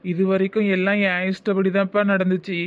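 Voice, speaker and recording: Cartoon young son, dutiful and resigned, voiced by a man; Tirunelveli Tamil accent, high flat voice. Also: quick pace, close to an everyday voice. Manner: quiet, obedient replies. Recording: tinny phone-like sound.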